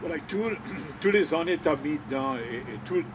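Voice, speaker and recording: A man's voice: a little high, expressive, moderate pace. A man from Louisiana with a Cajun French accent, interviewing casually in a hesitant way, repeating words and slipping into English. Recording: clear vehicle and outdoor background noise.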